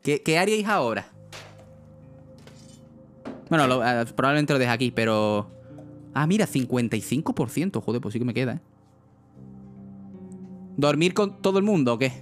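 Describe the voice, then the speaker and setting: A man's voice: medium pitch, sing-song, moderate pace, pauses often, faint music behind. Casual young man from streaming games. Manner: casual, chatty, asks chat often, swears. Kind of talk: gaming livestream commentary.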